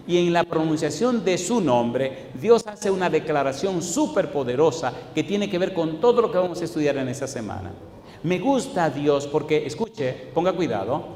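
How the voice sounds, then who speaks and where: A male pastor preaching in a church sanctuary, his voice a touch high for a man. He hammers rhetorical questions at the congregation and drops from loud declaiming to low asides. The sound rings around a large hall with a long reverb and a faint hiss underneath. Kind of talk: sermon.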